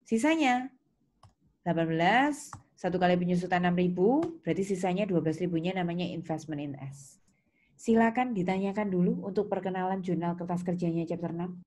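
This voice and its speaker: Speaking a little fast in a low, darkish voice, this woman teaches accounting through an interactive lecture about worksheet entries. She walks through each step and checks comprehension with questions, while typing and clicking come through clearly behind her.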